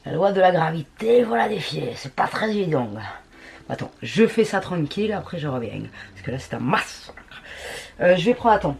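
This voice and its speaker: A woman's voice: lowish voice, very animated, normal speed, vocal fry, darkish tone, slight background noise. A woman chatting casually at home while testing makeup, full of crude slang and self-mocking jokes. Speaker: beauty vlogger. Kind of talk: casual makeup tutorial chat.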